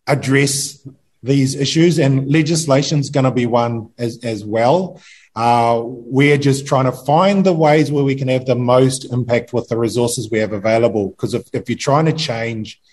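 A man with a New Zealand accent, a campaigner guest speaking in a halting way with many fillers. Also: mid-range voice, a little mellow. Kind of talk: casual interview.

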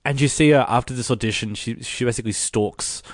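A male co-host in easygoing podcast chat, retelling scenes with a loose, swearing energy and lots of quoted asides. His voice sits mid-pitch with a close, dry sound. He keeps the story rolling with fillers and quick laughs. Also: no room sound. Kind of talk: casual review podcast chat.

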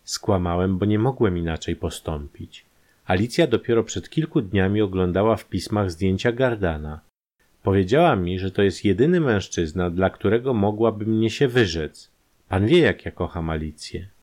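A man's voice: deep voice, expressive, moderate pace, darkish tone. A man voicing a shy young painter who speaks nervously and pleads with rising desperation. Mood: confessing. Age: young adult.

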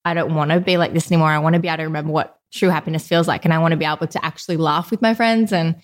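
A woman from Australia, low-voiced and steady in tone, talks very fast about her life as a podcast guest. She is open and chatty throughout the casual interview, leaning heavily on "like."

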